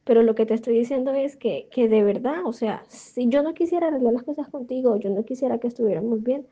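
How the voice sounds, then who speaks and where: A woman's voice: fairly high pitch, fast talker, warm tone. Earnest pleading woman, dull lo-fi sound. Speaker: partner in a relationship talk. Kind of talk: emotional monologue to a partner. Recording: dull lo-fi recording.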